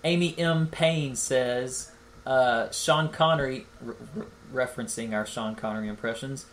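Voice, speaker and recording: A man's voice: mid-range voice, measured pace, a bit bright, a little hiss or hum. A man hosting a casual podcast, reading out and discussing listener questions in a conversational way. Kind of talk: casual chat.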